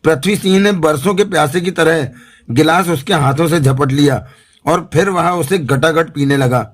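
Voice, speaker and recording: A man narrating a thriller audiobook in a measured, dramatic way. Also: fairly high pitch. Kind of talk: scripted narration.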